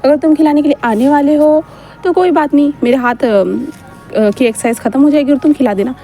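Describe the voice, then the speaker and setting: Woman doing a bratty young guy, teasing and whiny, kinda mellow tone. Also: high voice, fairly quick, faint music behind. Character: cheeky spoiled young man, teasing.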